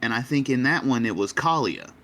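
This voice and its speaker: Animated man musing on a podcast. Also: mid-range voice, a little fast, slight background noise. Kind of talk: casual chat.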